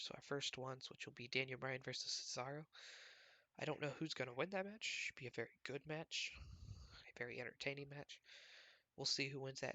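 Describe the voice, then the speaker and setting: A man's voice: mid-range voice, vocal fry, pushed and bright, dry recording. A man hosting his own sports show from home, recapping casually in a rambling, conversational way. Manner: rambling, conversational, filler-heavy.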